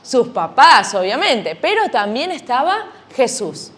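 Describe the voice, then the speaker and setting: Brief: lively woman teaching kids, high voice, swooping storytelling. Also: takes it slowly. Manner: animated, questioning the kids. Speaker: children's Sunday school teacher. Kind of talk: storytelling to children.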